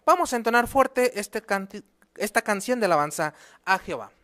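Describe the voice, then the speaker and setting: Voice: medium pitch, lively intonation, fairly quick, bright, forceful tone. Formal chairman leading a congregation meeting. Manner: formal, announcing speakers and songs.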